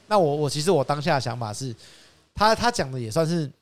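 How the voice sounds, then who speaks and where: A man with a Taiwanese Mandarin accent, a used car dealer telling stories in an animated, casual chat. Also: fast. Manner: animated, acts out customers and his father with rising pitch and laughter.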